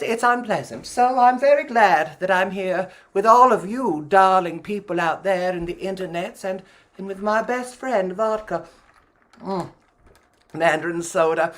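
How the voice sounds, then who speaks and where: A woman's voice: on the low side, fairly bright tone. A woman playing a grand, campy drag-queen-style Eastern European countess and cabaret diva, with a vaguely Eastern European accent and effusive, stammering, theatrical delivery. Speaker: cabaret performer and host. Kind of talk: livestreamed cabaret chat with piano songs. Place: at home in an apartment. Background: piano music.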